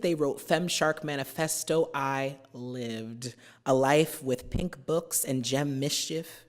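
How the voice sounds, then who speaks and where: At a university symposium venue, an American poet from New Jersey gives a reading, chatting through her introductions with plenty of fillers. She then reads the verse slowly and carefully, her voice extremely low-pitched and a little mellow.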